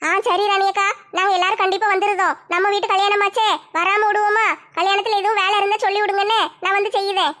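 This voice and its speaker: A woman's voice: very high-pitched, level tone, fast, few pauses, a bit bright. A woman acting in a village comedy skit, chatty and eager.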